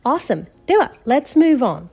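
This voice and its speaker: Lively upbeat woman teaching English phrases. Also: high voice, husky. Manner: upbeat, encouraging, models English phrases slowly. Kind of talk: bilingual language lesson.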